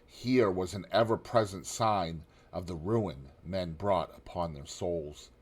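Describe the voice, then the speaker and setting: In a measured, steady audiobook reading, a man with a somewhat low, breathy-edged voice narrates a classic novel. The delivery is scripted and unhurried, and on grave passages his voice sinks low and soft.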